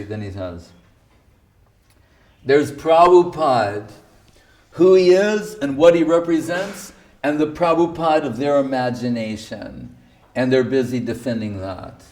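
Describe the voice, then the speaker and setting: Recorded from a distance, a man with a mid-range, slightly mellow voice tells stories about his teacher in a casual spiritual talk. He relays his guru's teachings anecdotally, quoting others and slipping in wry remarks.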